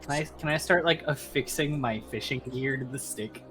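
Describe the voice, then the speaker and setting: A man playing a tabletop game, chatting in character in a playful, excitable, casual way. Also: medium pitch, moderate pace, faint music behind. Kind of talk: casual role-play chat.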